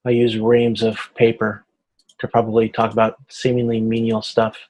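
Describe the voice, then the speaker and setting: In an informal lecture over video conference, a man explains slides step by step, hesitating and checking for understanding. He speaks at normal speed in a lowish, monotone, darkish voice, with a little hiss or hum audible.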